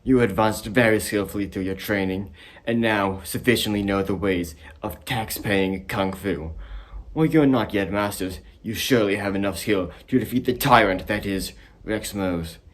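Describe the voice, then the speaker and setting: A solemn, fatherly kung fu master, played by a man speaks slowly and grandly. His voice sits low. It is an amateur comedy film. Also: natural voice. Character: wise old father, kung fu tax mentor.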